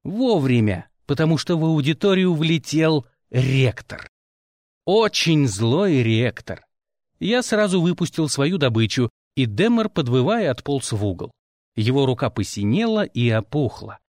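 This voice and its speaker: Wry male audiobook narrator, lively. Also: on the high side, a little slow, dry recording, studio quality. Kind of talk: first-person audiobook narration.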